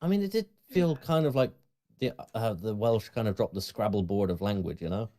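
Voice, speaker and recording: A man's voice: fairly low pitch, lively intonation, fairly quick, warm tone. A man co-hosting a podcast over a remote call, chatting in a jokey, playful way. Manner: jokey, plays with silly accents. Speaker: podcast co-host. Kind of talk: casual chat.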